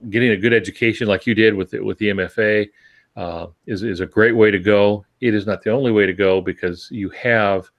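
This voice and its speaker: Vocal fry colors this fairly low-pitched male voice. The speaker, an older novelist co-hosting a podcast, shares advice on writing in an easygoing, wry, homespun style that pokes fun at himself.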